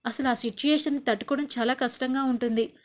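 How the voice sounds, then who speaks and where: A woman's voice: sits high, steady tone, fast talker. A woman casually retelling a television serial episode with chatty, sympathetic commentary. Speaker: serial recap narrator.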